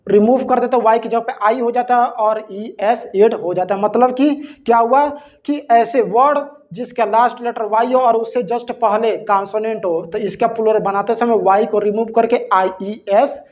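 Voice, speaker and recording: A man's voice: very high-pitched, steady tone, moderate pace, darkish tone, muffled recording. Man teaching grammar. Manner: checks in with repeated rhetorical questions, spells words letter by letter. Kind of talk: classroom-style grammar lesson.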